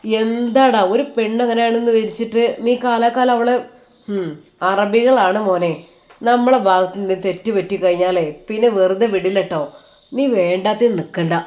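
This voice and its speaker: A woman's voice: mid-range voice, steady tone, darkish tone, close to an everyday voice. A woman doing a blunt, caring young male friend. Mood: worried coaxing. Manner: scolding, coaxing, brisk.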